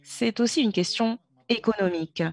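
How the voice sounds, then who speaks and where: Interpreting conference speeches simultaneously, this woman speaks in a slightly high voice, with hesitations, pauses and self-corrections.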